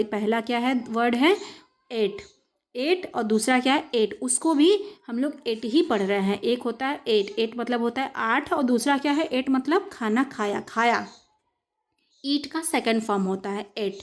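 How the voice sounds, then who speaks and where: A young woman gives an English lesson in Hindi, spelling words letter by letter and reading English sentences very slowly. Her pitch is fairly high and her tone darkish.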